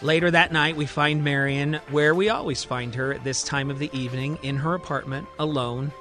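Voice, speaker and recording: A man's voice: a little high, normal speed, bright, forceful tone, faint music behind. A man narrating his own audio drama in a conversational, recapping storyteller manner. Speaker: writer and narrator.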